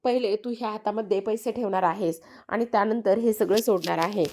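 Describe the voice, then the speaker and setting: A woman's voice: medium pitch, brisk, darkish tone, slight background noise, close to an everyday voice. A woman voicing a greedy, sneaky young man who turns to pleading when caught, read inside a recap. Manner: read as quoted lines within a narrated recap.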